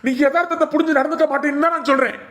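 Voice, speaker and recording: A woman voicing a middle-aged village husband in a cartoon, speaking with a Ramanathapuram Tamil accent and scolding calmly as he reasons with his wife. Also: sits high, rapid-fire. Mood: reasoning.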